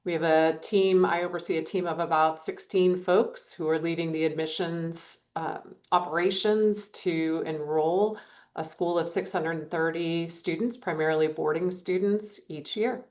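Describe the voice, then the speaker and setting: A woman who serves as an admissions dean introduces herself on a webinar panel over a video call in a brisk, matter-of-fact way. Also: on the low side, fairly even intonation, a little mellow. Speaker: dean of enrollment. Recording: dull lo-fi audio.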